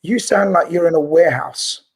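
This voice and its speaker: A man's voice: on the high side, normal speed, crowd noise. A man hosting a casual live football watchalong, chatting and commenting as play goes on. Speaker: watchalong host. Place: in a house.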